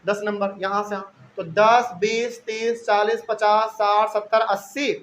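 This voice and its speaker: Guy teaching math, high voice, asks stuff then answers it himself, bit of hiss. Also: flat delivery, measured pace, fairly bright tone, low-quality recording. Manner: explains step by step, asking and answering his own questions. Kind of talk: classroom math lesson.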